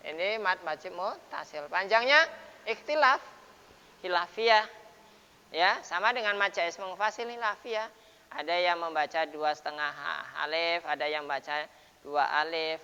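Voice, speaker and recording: Forceful male teacher in an echoing mosque. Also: a little high, clear, resonant tone. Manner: explains patiently, then sings out recited words slowly and loudly. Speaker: Quran recitation teacher. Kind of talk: dawn mosque lesson on Quran recitation rules. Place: mosque, after dawn prayer. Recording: dull lo-fi sound with long mosque reverb.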